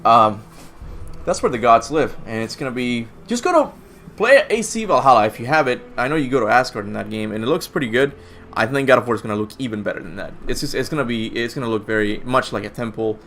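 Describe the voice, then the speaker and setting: A rambling young Cuban man hosts a gaming channel's casual livestream Q&A, answering viewer questions with an animated, fast, medium-pitched and slightly bright voice. He is self-deprecating and laughs at his own slips. Faint music sits behind him, along with a little hiss or hum.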